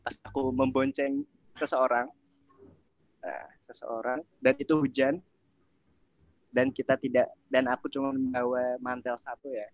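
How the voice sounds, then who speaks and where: A man's voice: medium pitch, level tone, a little slow, pauses often, no echo, highs cut off. A man in a casual group chat, telling a story in a hesitant, reflective way. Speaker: discussion panelist.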